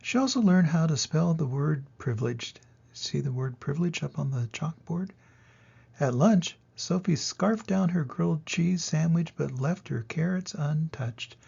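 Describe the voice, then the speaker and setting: An older man with a grandfatherly manner reads a children's storybook aloud expressively, in a gravelly, husky voice. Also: on the high side, lively intonation, measured pace, darkish tone, dull audio. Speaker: storybook reader.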